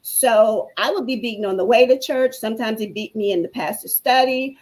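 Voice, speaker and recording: A woman's voice: a little high, a little fast, a little mellow, low-quality recording. A woman guest on a talk show telling her own story in an earnest, preacherly way. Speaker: guest speaker. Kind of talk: personal testimony on a talk show.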